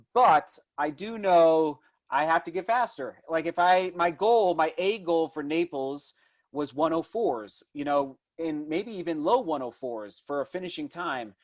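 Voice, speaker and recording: A man's voice: a little high, animated, a little slow. A man in his thirties talking casually as an interview guest, enthusiastic and rambling, often restarting his thoughts mid-sentence. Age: 30s. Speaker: interview guest, distance runner and vlogger.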